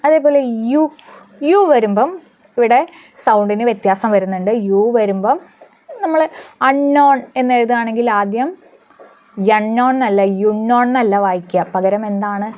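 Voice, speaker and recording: A woman teaching English letter sounds, asking questions and answering them herself, repeating example words slowly. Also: fairly high pitch, dull audio. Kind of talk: phonics lesson.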